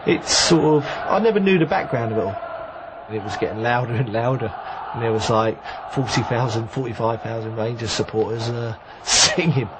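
A former footballer recalls events in an interview, casual and hesitant with plenty of fillers. His voice is mid-pitched with faint noise behind it. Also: normal speed. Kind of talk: interview recollection.

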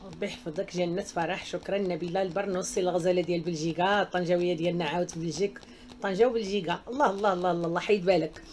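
A woman's voice: lowish voice, steady tone, rapid-fire, a little mellow, a little hiss or hum. A woman with a Moroccan accent hosting a live stream, reading viewer comments and speaking out in an emphatic, outspoken way. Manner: outspoken and emphatic, with repeated exclamations.

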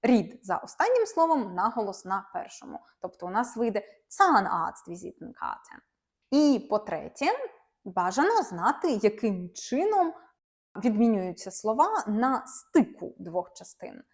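A woman's voice: medium pitch, very animated, a little slow, darkish tone. A young woman teaching German grammar to viewers, explaining step by step with playful asides.

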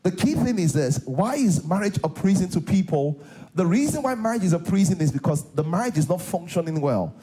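A middle-aged Nigerian pastor gives a sermon on a large church stage in a high-pitched, warm, very animated voice at a brisk pace. He repeats key lines and calls out for congregational responses, captured on a low-quality recording.

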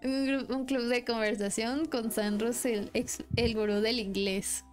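With faint music behind her, a young woman with a Mexican accent chats and rambles casually during a game live stream, laughing frequently. She speaks on the high side at a measured pace, keeping her intonation fairly even.

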